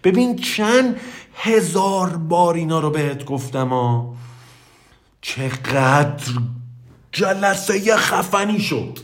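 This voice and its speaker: A man from Iran giving an emphatic, playful motivational talk, acting out inner voices and speaking warmly to his listeners. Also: fairly high pitch, expressive. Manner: affectionate toward listeners. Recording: roomy echo.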